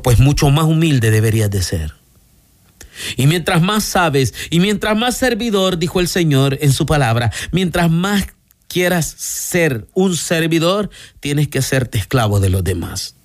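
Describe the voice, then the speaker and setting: A man preaching a sermon earnestly, addressing the congregation as beloved brothers. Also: a little high.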